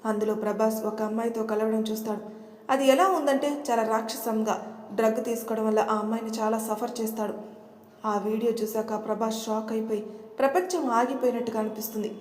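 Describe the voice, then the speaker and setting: A woman narrating a scripted audio story as storyteller, steady and expressive. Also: a little high, brisk. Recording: echoey room with long reverb.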